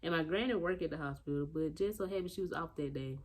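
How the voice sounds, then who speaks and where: An eighteen-year-old vlogger tells a story to camera in a casual, animated, loose way, full of fillers and restarts as she acts out what other people said. Her voice is low-pitched and fast.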